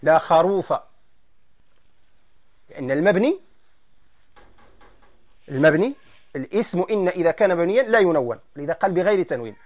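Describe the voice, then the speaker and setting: A man with a Moroccan Arabic accent teaching a grammar lesson, explaining slowly and quizzing his students. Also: high voice, expressive, darkish tone.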